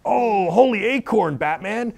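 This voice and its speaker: A man's voice: high-pitched, lively intonation, unhurried, voice pushed up. Man doing Robin, the breathless boy sidekick. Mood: excited. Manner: breathless, shouty. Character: excitable young male sidekick Robin.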